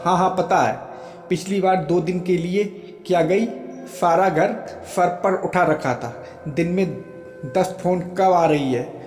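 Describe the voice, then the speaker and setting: An affectionate, hot-tempered young wife in a spoken storybook, as a male narrator reads her lines. The voice sits fairly high and moves slowly, with a roomy echo. Soft music plays underneath. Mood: teasing. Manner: emotional, pleading then playfully scolding. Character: young wife, loving, teasing, quick to anger.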